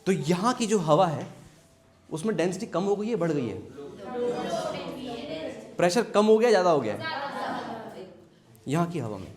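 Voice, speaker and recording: An animated male science teacher runs a hands-on classroom demonstration. He talks in a fairly high voice, directs his students and fires quick questions at them. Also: a crowd in the background. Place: school classroom.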